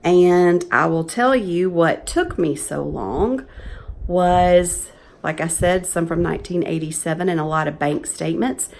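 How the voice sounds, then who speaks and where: A woman in her fifties with a drawl talks straight to camera in a chatty, earnest way. Her voice sits a little low, and her talk stays casual and heartfelt. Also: unhurried, creaky, darkish tone. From Georgia, USA. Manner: earnest, chatty, emotional at times. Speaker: professional organizer vlogger.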